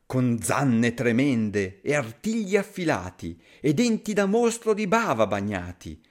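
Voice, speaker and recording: Man, storybook reader, rhyming, slow, lively sing-song melody. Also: medium pitch. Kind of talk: storybook reading in rhyme.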